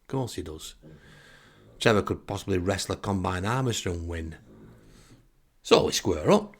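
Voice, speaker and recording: With lively intonation and a moderate pace, a man whose voice sits low recounts a humorous story about himself. He's a comic storyteller from Northern England, with the accent to match and a dry, self-mocking delivery.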